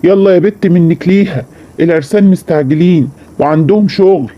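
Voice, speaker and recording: Brief: male actor as harsh middle-aged Egyptian father in an audio story, barks orders quickly, lo-fi. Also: sits high, close to an everyday voice. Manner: gruff, insulting, bossy.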